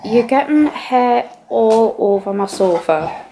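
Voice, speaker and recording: A woman's voice: fairly high pitch, animated, slow pace, poor audio. A young woman from England chatting casually to her camera for her vlog, upbeat and talkative, filmed in her car and at home. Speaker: vlogger. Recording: loud background noise.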